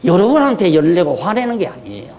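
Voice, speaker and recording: An older man preaching a sermon in a church, moving between quiet asides and fiery, shouted questions. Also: high-pitched, big pitch swings, quick pace, big-room sound. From Korea. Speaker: pastor. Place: church hall.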